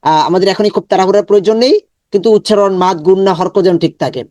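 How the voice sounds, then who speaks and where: Male Quran tutor, fairly high voice, dry close sound, patient syllable-by-syllable drilling and slow chanted recitation. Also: dark tone, no room sound. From Bangladesh. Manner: chants the Arabic verse slowly and drawn out. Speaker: Quran teacher. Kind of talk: online Quran recitation lesson.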